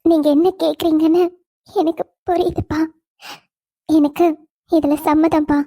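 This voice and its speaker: Meera, an earnest devoted young daughter. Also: female voice, high voice, flat delivery, measured pace, dark tone. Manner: earnest, speaks with resolve. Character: dutiful young woman devoted to her father. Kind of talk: cartoon voice acting.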